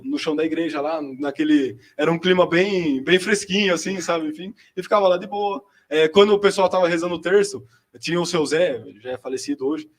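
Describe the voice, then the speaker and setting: Young Brazilian guy, high and fast, relaxed slangy storyteller. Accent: Brazilian Portuguese. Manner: chatty and slangy, lots of fillers. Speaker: seminarian giving a vocation testimony. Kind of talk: casual personal storytelling.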